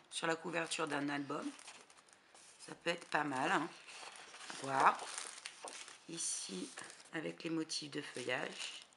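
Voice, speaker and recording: A woman chatting casually through a craft haul, hesitant, with many fillers. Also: on the low side. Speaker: crafting vlogger. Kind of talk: casual haul video chat. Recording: noisy background hiss.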